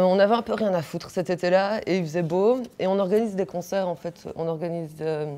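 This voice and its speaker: A woman's voice: lowish voice, dark tone. A woman, a punk singer answering interview questions bluntly and crudely, with jokes and fillers. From Belgium. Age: 30s.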